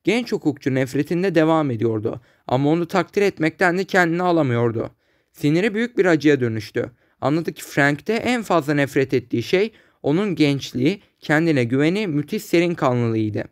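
A man narrating an audiobook in a steady storytelling manner. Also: on the high side, a little fast, no echo, clean studio sound. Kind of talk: scripted narration.

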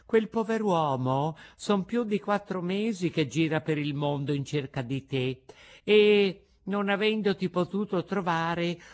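A man voicing a large, helpful male pigeon in a storybook reading, speaking calmly and plainly. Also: high voice.

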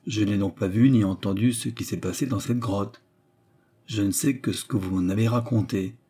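Reading aloud at normal speed, a man with a husky, warm, fairly low voice takes on the role of a scheming, persuasive noblewoman adventuress in middle age. With feigned sweetness, she menacingly and insistently frightens her young companion.

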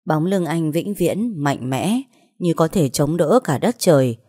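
Woman narrator for a first-person audio story: low, warm voice, earnest and emotional delivery. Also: animated, unhurried, husky.

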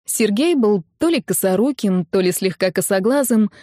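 A woman narrating a comedic first-person audiobook in a wry, lively manner. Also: mid-range voice, normal speed, no room sound, studio quality.

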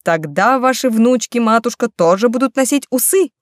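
A woman's voice: a little high, expressive, moderate pace, no room sound, pitched above the performer's own voice, natural voice. A woman voicing a young male duke with a dry, unflappable wit in an audiobook. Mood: deadpan.

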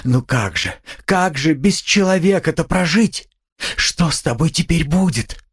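A man voicing a devout young woman who pleads with high, trembling urgency in an audiobook. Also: lively intonation, measured pace, husky. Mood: fervent pleading. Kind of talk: audiobook character reading.

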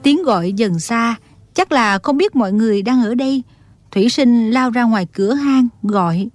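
A woman narrating an audiobook in an even storytelling manner. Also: fairly high pitch, normal speed, dry recording, soft background music.

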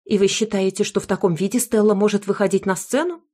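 A woman's voice: medium pitch, fairly even intonation, fast, darkish tone, husky, pitched above the performer's own voice, close to an everyday voice. A woman voicing a persistent young mother in an audiobook, questioning someone in an insistent way. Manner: insistent, interrogating.

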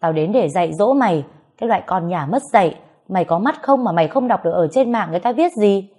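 A woman's voice: medium pitch, animated, quick pace, dark tone, husky. A woman voicing an abusive middle-aged mother who screams insults at her daughter in an audio story. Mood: furious shouting. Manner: screaming insults, harsh and scolding.

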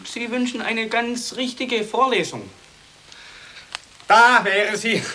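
A proud, polite professor in a comic radio play. The voice is sharp and high, with hesitant, pedantic phrasing over faint recording noise. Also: male voice, heavily acted. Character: earnest, proud male professor with absurd ideas. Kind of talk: absurdist comic drama acting.

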